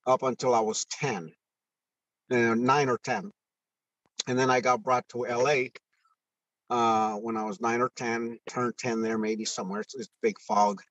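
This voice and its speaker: An earnest retired first sergeant in his sixties, from Mexico, is interviewed in a candid, conversational way over a phone call. His medium-pitched voice has a bit of brightness, and his heartfelt speech halts with many restarts and fillers. There's no room sound, and the audio quality is poor.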